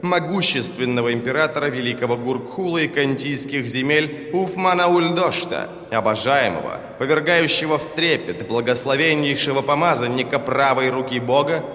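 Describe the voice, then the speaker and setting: A proud imperial envoy in an audiobook , voiced by a male reader, speaking down to everyone. His voice is resonant and commanding, pitched a little higher and pushed louder than the narration. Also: moderate pace, hardly any pauses, roomy sound, in a large hall, close to an everyday voice. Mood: haughty. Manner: arrogant, pompous. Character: haughty, imperious tall male ambassador.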